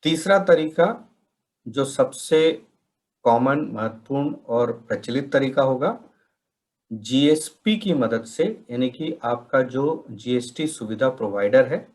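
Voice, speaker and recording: Narrating an instructional slide presentation, a man walks the listener through each point methodically, step by step, like a software trainer. He speaks slowly and measuredly in a mid-range pitch, with an expressive delivery.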